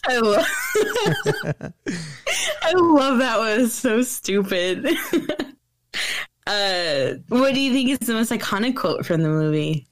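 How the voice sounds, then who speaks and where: A woman's voice: a little high, very animated, slow, pauses often. A young woman co-hosting a podcast, giggling as she retells favorite movie scenes and swearing now and then. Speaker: podcast co-host. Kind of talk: casual chat about a movie.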